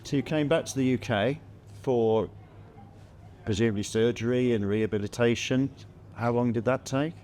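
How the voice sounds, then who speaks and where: A man hosting a festival stage interview, asking gentle prompting questions. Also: medium pitch, normal speed, slight background noise.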